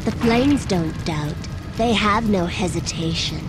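A woman voicing an eerie game character who calmly coaxes people into the flames, over game music. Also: mid-range voice, unhurried, natural voice, poor audio. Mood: coaxing.

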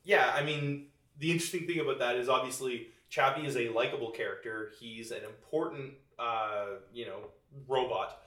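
A man's voice: mid-range voice, normal speed, sharp tone. A man co-hosting a casual movie chat, talking loosely with many fillers and frequent laughs. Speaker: podcast co-host. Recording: roomy echo, distant mic.

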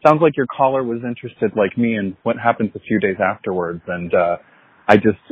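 A man's voice: mid-range voice, husky. A man from Florida leaving a chatty, rambling voicemail over a landline phone, with small self-deprecating laughs. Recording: tinny phone-line voicemail.

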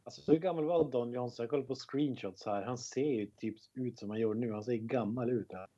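Male podcast co-host, dry teasing remarks, mid pitch, muffled lo-fi sound. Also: warm tone, breathy edge. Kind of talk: casual chat. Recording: dull lo-fi sound.

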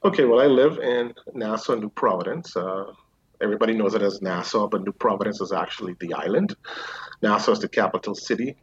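A Bahamian man in his fifties with a fairly low, husky voice, explaining things at a measured pace, filling gaps with ums. His voice sounds dry and dull, like muffled lo-fi call audio. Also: no room sound. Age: 50s. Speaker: real estate agent guest. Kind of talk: remote interview.

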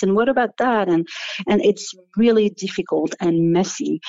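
A woman's voice: mid-range voice, a little mellow, dry recording, muffled recording. A middle-aged woman from France with a French accent, answering interview questions in a thoughtful, rambling way with restarts. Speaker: guest, business founder.

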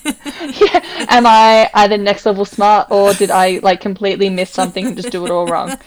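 A woman's voice: medium pitch, normal speed. Chatty Australian woman, filler-heavy. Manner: chatty, lots of "like" fillers, laughs often. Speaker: podcast co-host, teacher. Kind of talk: casual chat.

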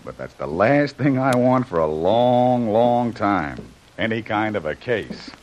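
Wry adventure hero, swooping intonation. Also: male voice, fairly low pitch, big pitch swings, unhurried, a little mellow, lo-fi sound. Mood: wry, easygoing. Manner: wry, plain-spoken. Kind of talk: 1940s radio acting. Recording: noisy old 1940s radio recording.

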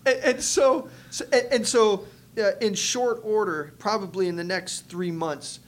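A man co-hosting a faith podcast, telling a story in casual chat, animated and acting out what people said, with many restarts. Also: high voice, unhurried, a little hiss or hum. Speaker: podcast co-host, church multiplication leader.

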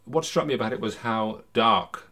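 A man's voice: lowish voice, normal speed, pushed and bright. An older man hosting a podcast, introducing it and talking conversationally in a studio. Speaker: podcast host.

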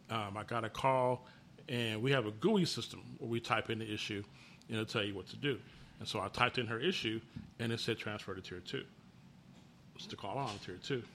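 Podcast co-host, male, bright tone, profane storyteller, faint noise behind. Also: lowish voice. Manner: storytelling, swears freely, laughs while telling. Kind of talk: casual chat.

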